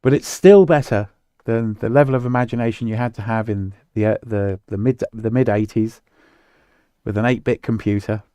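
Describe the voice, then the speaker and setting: A man's voice: on the low side, moderate pace, mellow, smooth, no room sound, studio quality. A man co-hosting a casual chat about video games, rambling and losing his words mid-sentence. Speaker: podcast co-host.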